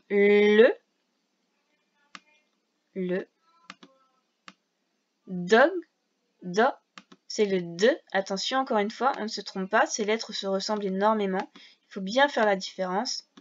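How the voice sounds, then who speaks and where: A woman's voice: mid-range voice, takes it slowly, pauses often. A woman teaching a reading lesson to young children, patiently sounding out syllables and letters one by one. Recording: dull lo-fi sound.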